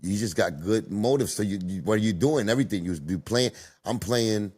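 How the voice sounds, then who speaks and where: A man's voice: lowish voice, brisk, a little mellow, breathy edge. A man from Cuba hosting a podcast, telling stories in casual street slang with emphatic delivery. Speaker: podcast host. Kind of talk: casual chat.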